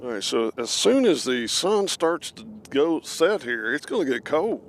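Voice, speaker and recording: A man's voice: on the high side, very animated, measured pace, slight background noise. A man hosting a casual live stream outdoors at an airport, chatting and reading out viewer comments. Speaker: livestream host.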